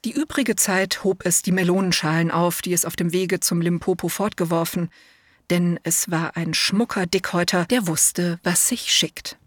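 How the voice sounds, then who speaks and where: A woman reading a children's storybook aloud, gentle and measured, as if telling it to a child. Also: fairly low pitch, steady tone, dry recording.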